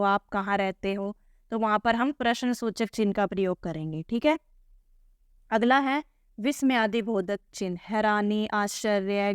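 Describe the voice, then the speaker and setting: Patient woman teacher, smooth and dry. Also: medium pitch, no room sound. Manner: patient, asks and answers her own questions. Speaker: Hindi teacher. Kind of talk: explaining a textbook lesson.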